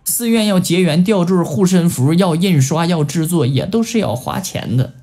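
A man's voice: high-pitched, moderate pace, slightly rough, faint music behind. A man giving a Buddhist scripture lecture, telling stories and acting out the people he quotes. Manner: animated storytelling with acted-out quotes. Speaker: Buddhist teacher.

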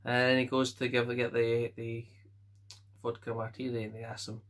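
Bright-voiced Scottish man chatting casually. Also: mid-range voice, monotone. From Scotland. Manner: offhand quick verdicts, chuckles to himself. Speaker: collector showing his film collection. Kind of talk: casual chat.

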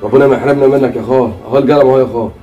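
A man's voice: mid-range voice, steady tone, very fast, dark tone, highs cut off, close to an everyday voice. A man playing a scheming nephew. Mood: coaxing. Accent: Egyptian Arabic. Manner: coaxing then dismissive. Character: scheming young nephew, smooth-talking swindler. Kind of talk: amateur drama skit. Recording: echoey room, mic far off, faint music.

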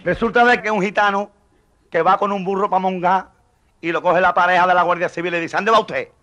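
A man's voice: high-pitched, little pitch movement, a little fast, fairly bright tone, highs cut off. A man telling jokes in a folksy, colloquial way. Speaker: comedian. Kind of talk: joke telling.

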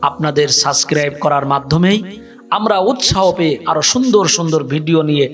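A man teaching a prayer by spelling out Arabic syllables one by one and then reciting them slowly. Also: on the high side, a bit bright, soft background music. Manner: drawn-out chanted recitation. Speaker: religious teacher. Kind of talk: slow letter-by-letter Arabic recitation lesson.

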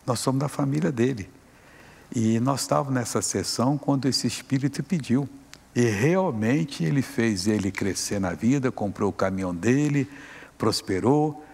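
A man's voice: mid-range voice, normal speed, gravelly, darkish tone, husky, big-room sound. A man doing an anxious young churchgoing woman. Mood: earnest.

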